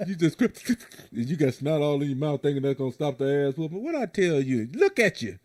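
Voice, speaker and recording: A middle-aged man hosting a podcast, telling profane, animated stories in casual banter. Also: on the high side, moderate pace. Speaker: podcast host.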